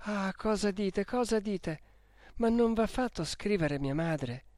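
A man reading an audiobook who voices a gentle, devout young woman, pleading in distress. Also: high-pitched, animated, slow, dry recording, clean studio sound, pitched above the performer's own voice. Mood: anguished pleading. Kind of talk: audiobook character voice.

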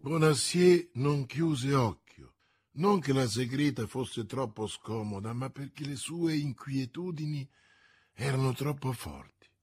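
Husky, expressive male narrator. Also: mid-range voice, a little slow. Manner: expressive, dramatic storytelling. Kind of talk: audiobook narration of a classic novel.

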